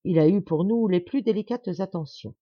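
A woman's voice: fairly low pitch, moderate pace, husky, no echo, highs cut off. A woman reading the part of a proud, stubborn middle-aged man who talks with insistent, forced cheer. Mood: satisfied.

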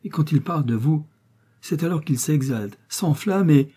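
A man voicing an effusive, flattering young woman who pleads and coaxes. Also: on the high side, moderate pace, husky, pitched above the performer's own voice. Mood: gushing.

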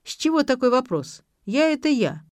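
Storybook figure: a pedantic young know-it-all, higher than the reader's own voice, put on by a woman. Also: big pitch swings, brisk, darkish tone, no echo, studio quality. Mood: smug. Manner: pedantic, showing off.

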